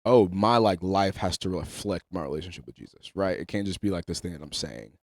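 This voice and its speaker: A man's voice: deep voice, a little fast, no echo. Guy in his 30s on a podcast couch, laid back and joking, very dry sound. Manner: easygoing, joking, lively storyteller. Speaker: podcast guest. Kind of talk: casual conversation. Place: indoors, on a couch.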